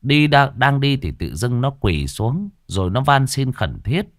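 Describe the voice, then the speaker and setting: A man's voice: mid-range voice, very animated, unhurried, no room sound, clean studio sound. A man telling a ghost story, dramatic and vivid with earthy humor.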